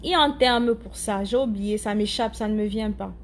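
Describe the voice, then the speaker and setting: A woman's voice: medium pitch, brisk, slight background noise. A woman with an African French accent, chatting casually to her viewers, often hunting for words and repeating herself. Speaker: live streamer answering viewers' comments. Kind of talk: casual chat commentary.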